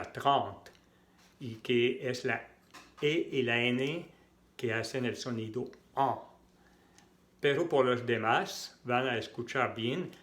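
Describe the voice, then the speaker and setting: Male language tutor, unhurried, drills each word twice, echoey room. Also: medium pitch, a bit bright. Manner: deliberate, repeats words to model pronunciation. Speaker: French language teacher. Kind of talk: slow language lesson.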